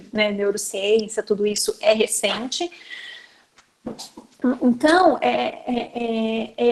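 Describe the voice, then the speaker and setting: Fairly high in pitch but darkish in tone, this Brazilian woman's voice carries a Brazilian Portuguese accent. Lecturing educators conversationally, she keeps things chatty, frequently turns to her listeners, and leans on lots of fillers.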